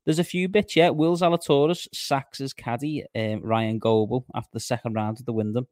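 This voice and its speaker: A man's voice: medium pitch, steady tone, brisk, a little mellow, no room sound, studio quality. A man co-hosting a podcast, relaying golf news in a chatty, casual way. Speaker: podcast co-host.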